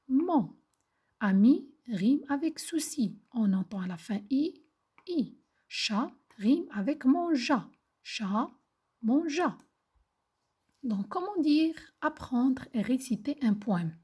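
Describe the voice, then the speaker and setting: A woman teacher talks young children through a lesson at a very slow, careful pace. Her voice is breathy and half-whispered, a little high and mellow, and she repeats and explains each simple word. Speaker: primary school teacher.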